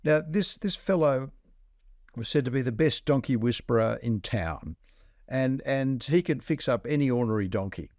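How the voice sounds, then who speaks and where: The doctor co-hosting this casual health show is blunt, walking listeners through the numbers plainly. His voice is mid-range, animated and darkish, at a moderate pace, in echo-free studio-quality audio.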